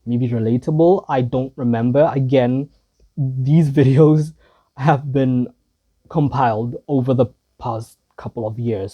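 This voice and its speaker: Mellow-voiced man rambling through reactions. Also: medium pitch, highs cut off. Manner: rambling, hesitant, self-deprecating. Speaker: video creator. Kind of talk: casual reaction commentary.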